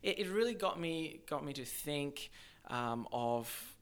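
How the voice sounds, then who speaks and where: A young man from Zimbabwe raised in Australia, chatting as a guest in a thoughtful, halting way. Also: fairly high pitch, lively intonation. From born in Zimbabwe, raised in Australia. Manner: thoughtful, halting, many restarts. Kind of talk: casual podcast chat.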